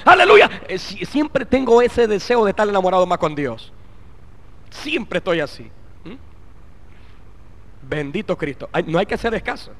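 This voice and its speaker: A male pastor preaching a fervent sermon. He fills it with hallelujahs and swings from loud exhortation to muttered asides. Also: sits high, animated, moderate pace, long pauses, slight background noise. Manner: fervent preaching, with frequent interjected "aleluya" and "bendito Cristo". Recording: long reverb of a large hall.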